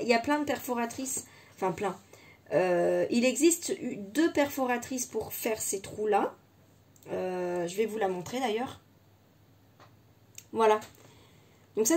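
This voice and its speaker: A woman's voice: a little high, darkish tone, slight background noise. A woman in her thirties from France, chatting casually and rambling with lots of fillers and restarts in a haul vlog from her desk at home. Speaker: scrapbooking YouTuber.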